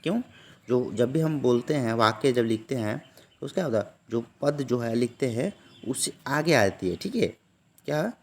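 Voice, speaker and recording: A man's voice: medium pitch, expressive, moderate pace, darkish tone. A man tutoring online, walking through exam questions and answers, who keeps asking a question and then answering it himself and keeps checking in the listener. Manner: repeats "theek hai" constantly, asks and answers own questions.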